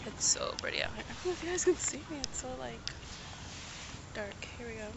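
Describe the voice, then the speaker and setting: A woman's voice: on the high side, lively intonation, fast, gravelly. A young woman from the US East Coast chatting casually to a handheld camera at arm's length on a sunny beach, easygoing and trailing off with "I don't know". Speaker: vlogger. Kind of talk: casual vlog chat. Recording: loud beach wind and surf noise.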